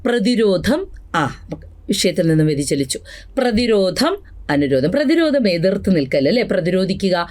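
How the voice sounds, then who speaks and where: A young woman teaching an exam revision lesson. She drills word lists slowly, then chats quickly with asides, and calls her students "children". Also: medium pitch, sing-song, darkish tone. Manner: addresses students fondly as children.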